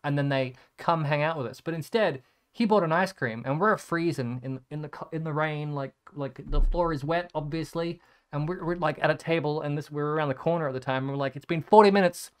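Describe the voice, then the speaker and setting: Smooth-voiced young man telling rambling stories. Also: a little high, a little fast. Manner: rambling, sarcastic, swears freely. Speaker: content creator. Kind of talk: casual storytelling over photos.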